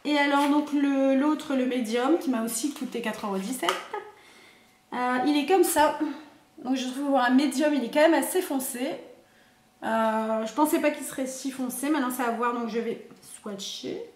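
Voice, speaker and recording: A woman's voice: high voice, normal speed, reverberant. A woman, chatting through a makeup unboxing, thinking aloud with many fillers. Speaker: beauty vlogger. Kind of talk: casual product unboxing and swatching.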